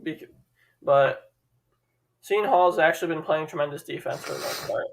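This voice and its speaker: This Chicago-accented man co-hosts and commentates a relaxed sports stream, delivering brisk play-by-play and teasing his partner. His pitch is fairly high, and the recording quality is rough.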